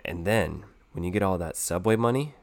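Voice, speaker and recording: A man getting over a cold, chatting casually as a podcast co-host in a laid-back, playfully deadpan way. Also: low voice, normal speed, gravelly. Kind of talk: casual chat.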